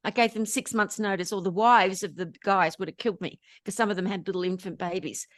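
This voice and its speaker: An Australian woman telling lively stories as an interview guest, often laughing between anecdotes. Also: mid-range voice, brisk, dry recording, studio quality. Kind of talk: storytelling in casual interview chat.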